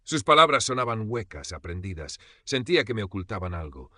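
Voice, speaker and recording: A man's voice: lowish voice, very animated, brisk, bright, forceful tone, no echo. An older man with a Spain Spanish accent, narrating a first-person audiobook story in a dramatic, tense way.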